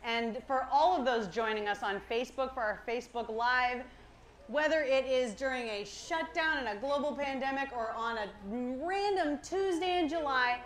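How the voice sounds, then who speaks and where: Speaking into a worn or held presenter microphone, a zoo animal keeper delivers an educational talk to a live audience. She is cheery and enthusiastic, with a high, slightly bright voice, and clear ambient noise can be heard in the background.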